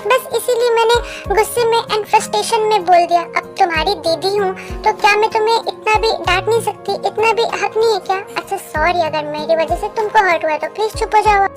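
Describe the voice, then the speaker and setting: A woman's voice: extremely high pitch, fairly quick. A woman voicing a stern but caring older sister who scolds and lectures her brother, in a fan dub drama. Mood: coaxing. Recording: background music under voice. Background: music.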